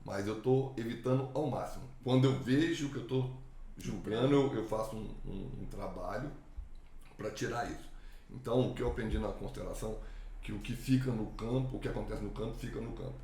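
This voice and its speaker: A man guest telling a personal story in relaxed, plain-spoken conversation. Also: fairly low pitch, a little fast, echoey room. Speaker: podcast guest. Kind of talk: casual storytelling.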